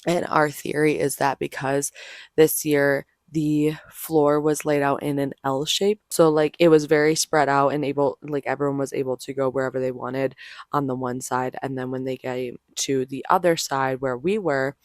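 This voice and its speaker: A vlogger with a hoarse, worn-out voice, rambling casually and peppering the talk with "like". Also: medium pitch, little pitch movement, moderate pace, no room sound, studio quality. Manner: rambling, frequent "like". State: hoarse, voice gone. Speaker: vlogger, convention artist. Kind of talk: casual vlog chat.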